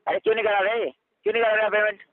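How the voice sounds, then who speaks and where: A man's voice: high-pitched, level tone, very fast, no room sound. A man working as a loan recovery agent on a phone call, pressing a customer for payment and repeating his demands. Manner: pushy, repeats demands insistently. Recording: tinny phone line.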